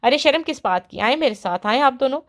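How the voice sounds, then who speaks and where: A woman reads the part of a blunt, quick-tempered young heroine in an audiobook. She snaps back in quick, exasperated bursts, in a slightly high voice. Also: expressive. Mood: cheerful.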